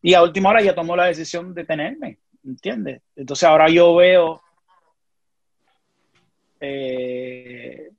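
A man's voice: on the high side, unhurried, creaky, long pauses, no room sound, dull audio. A middle-aged man with a Puerto Rican accent, a guest telling a personal story in casual conversation, earnest and often checking in with the listener. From Puerto Rico.

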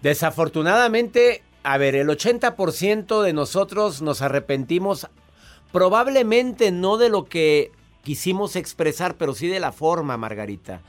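A man's voice: on the high side, animated, moderate pace, faint music behind. A man hosting a podcast, upbeat and effusive with his guest. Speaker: podcast host. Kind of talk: interviewing a guest.

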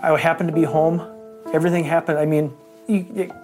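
Halting interviewee over guitar music. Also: male voice, on the high side, level tone. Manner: halting, searching for words. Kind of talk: recorded interview. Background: guitar music bed.

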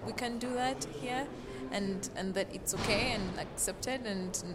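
A young woman from Uganda, a student, answering an interviewer in a halting way, often repeating words. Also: a little high, very noisy. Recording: crowd chatter at a festival.

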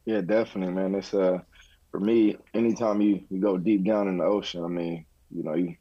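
A man chatting casually as a podcast contributor, halting and repeating words in a laid-back way. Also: sits low, steady tone, no room sound, dull audio. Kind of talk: casual chat.

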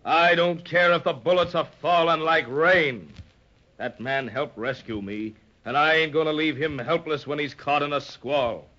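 Here is a hearty, fearless veteran ship's captain in a radio adventure serial. He gives orders in sailor talk, in a slightly high voice, on a muffled old recording. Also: measured pace, bright, forceful tone. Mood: determined. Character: brave, hearty, commanding veteran sea captain.

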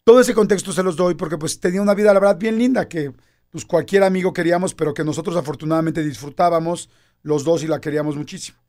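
A Mexican man in his fifties telling a personal story in casual conversation, animated and acting out quoted dialogue. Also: fairly high pitch, fast talker.

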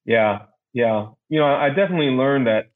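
Male podcast guest, mid pitch, reflective and hesitant with frequent restarts; tinny phone-quality audio. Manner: halting, searching for words with many restarts.

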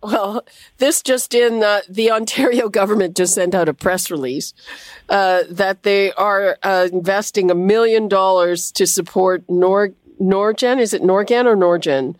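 A woman's voice: medium pitch, fairly even intonation, unhurried, no room sound. Woman hosting call-in radio. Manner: hesitant, many fillers and restarts. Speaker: radio host.

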